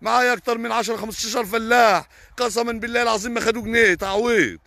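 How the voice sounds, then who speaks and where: A man's voice: extremely high pitch, fairly even intonation, very fast, gravelly, sharp tone, no room sound. A young man with an Egyptian Arabic accent, a farmer on a live stream answering viewers' comments in a heated, indignant way with repeated oaths. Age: young adult.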